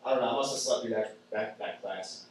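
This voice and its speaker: A man's voice: on the low side, a little fast, slight background noise. A young man doing a stand-up comedy set in a club, telling crude, sarcastic stories. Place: club with audience. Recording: echoey room from far off.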